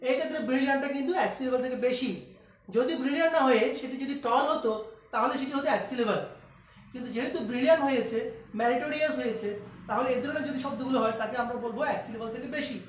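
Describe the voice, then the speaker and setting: Man from Bangladesh teaching grammar, high-pitched, recorded from afar in a roomy space. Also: racing, slight background noise. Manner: repeats key steps, asks students questions. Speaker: English teacher. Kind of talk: classroom grammar lesson. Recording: echoey room, distant mic.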